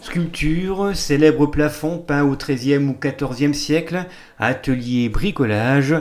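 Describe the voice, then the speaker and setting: A man narrating a scripted local television news report with a lively, rising and falling delivery. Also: a little high, takes it slowly. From Moselle, France.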